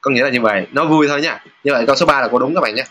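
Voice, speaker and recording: A man teaching a casual lesson over test questions, chatty, pausing with filler sounds and reading example sentences aloud slowly. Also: medium pitch, sharp tone, slight background noise. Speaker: Japanese teacher.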